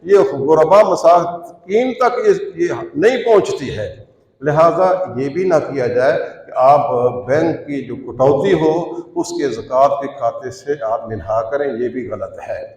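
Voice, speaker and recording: A man's voice: a little high, lively intonation, a little mellow. A man from Pakistan giving a Friday sermon in a large mosque, explaining rules step by step and pushing his voice up on key points. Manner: instructive, rising emphatic peaks on key points. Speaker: preacher. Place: large mosque prayer hall. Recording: echoey mosque hall from far off.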